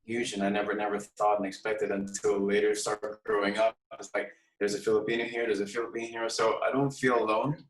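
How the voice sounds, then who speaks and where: A man from Hong Kong, a guest musician chatting casually in an interview, relaxed and hesitant with many pauses and fillers. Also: lowish voice. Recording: echoey room, far from mic.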